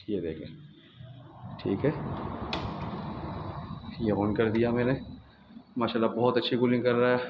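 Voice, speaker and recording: A Pakistani man in his thirties talks casually as he tours his own large indoor gym, filmed on a phone he carries along. The audio is dull and lo-fi, with a long echo and faint room noise behind him. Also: mid-range voice. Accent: Pakistani Urdu. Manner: chatty, repeats "theek hai" as a tag. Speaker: gym owner and vlogger. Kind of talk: casual walkthrough vlog. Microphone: phone camera, selfie then walking.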